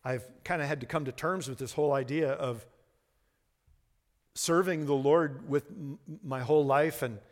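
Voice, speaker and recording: A man in his sixties preaching a sermon as pastor, earnest, often repeating words, moving between hushed lines and fervent ones. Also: on the high side, normal speed, long reverb tail. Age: 60s.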